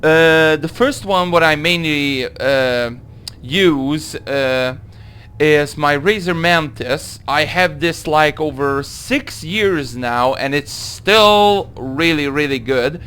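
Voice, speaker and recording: A young man from Hungary with a Hungarian accent, answering viewer questions in a casual gaming Q&A, halting through his English with many fillers. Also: fairly high pitch, fairly bright tone, clear, resonant tone. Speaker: gaming video creator. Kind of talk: casual Q&A monologue.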